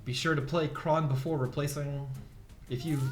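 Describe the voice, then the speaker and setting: A man casting a digital card game tournament, calmly explaining plays and rules as they happen. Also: on the high side, normal speed, soft background music. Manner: explanatory, relaxed, gives rules tips. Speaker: esports caster. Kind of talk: play-by-play commentary.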